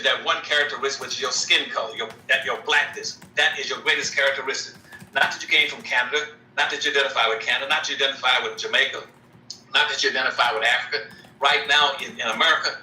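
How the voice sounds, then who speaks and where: A man lectures with force and drives his points home by repeating them. His tone is sharp and bright. He sounds distant from the mic, in a roomy, echoing space. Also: medium pitch. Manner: forceful, repeats key phrases. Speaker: guest. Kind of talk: emphatic lecturing.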